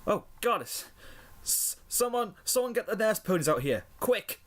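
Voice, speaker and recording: A frightened village pony mare calling urgently for help, as a male reader puts her on. The voice jumps high and shrill above his usual low tone. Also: sing-song, fairly quick, bright, forceful tone, heavily acted. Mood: alarmed.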